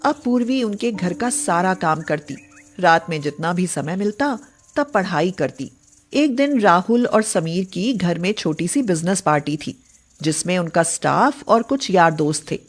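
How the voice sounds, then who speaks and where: Casting: lower-voiced woman, calm storybook narrator, steady delivery. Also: a little slow. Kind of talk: scripted narration.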